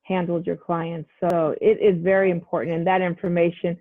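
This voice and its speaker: A woman co-host in a middle pitch speaks warmly supportive and encouraging to her guest. The sound is dull and lo-fi. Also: little pitch movement, moderate pace, noisy background. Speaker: podcast co-host. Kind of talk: casual conversation.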